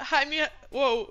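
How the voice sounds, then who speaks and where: A woman's voice: sits high, sharp tone. A young woman livestreaming, overwhelmed and swearing constantly as she laughs through tears, on slightly muffled lo-fi stream audio. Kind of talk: live stream chat.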